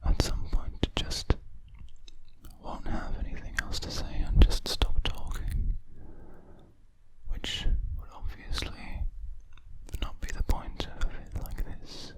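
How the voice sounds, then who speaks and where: Breathy ASMR whisper, very close and slow. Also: poor audio. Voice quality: breathy, with audible mouth sounds. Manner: slow, unhurried rambling. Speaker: ASMR video creator. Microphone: very close to a studio USB microphone.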